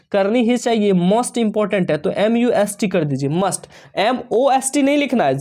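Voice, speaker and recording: A man teaching an exam-prep English lesson, explaining step by step and reading English sentences out slowly. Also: high voice. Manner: addresses students warmly as dear children.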